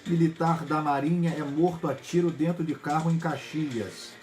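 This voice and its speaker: Brazilian man reading quick headlines. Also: on the high side, a little mellow. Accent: Brazilian Portuguese. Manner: brisk headline delivery with small slips. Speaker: news host.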